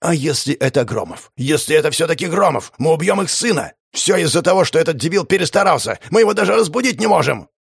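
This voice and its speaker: A man's voice: a little high, expressive, fast, vocal fry, few pauses, slightly rough, no room sound, studio quality, pitched above the performer's own voice, full character voice. Man doing an urgent, pleading gang member. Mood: panicked. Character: nervous male gang member, pleading for calm.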